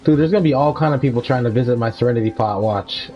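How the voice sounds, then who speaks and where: A young man streams a video game, offering casual, slangy, informal live commentary. His voice is medium-pitched and quick-paced, with game music behind him and slightly dull stream audio.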